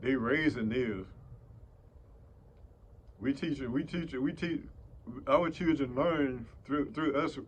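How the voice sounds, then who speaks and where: A man's voice: mid-range voice, lo-fi sound, slight background noise. An older man telling rambling stories in a casual vlog, chuckling often and slipping into folksy preaching. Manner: chuckling, rambling with many fillers and restarts; slow folksy preaching with scripture. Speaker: vlogger.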